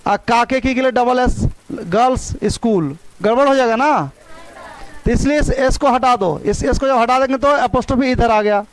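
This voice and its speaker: Male teacher, high voice, strict, drills words, outdoor class with animals heard. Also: normal speed, poor audio. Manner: scolding, repeats words to drill pronunciation. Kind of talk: classroom grammar lesson.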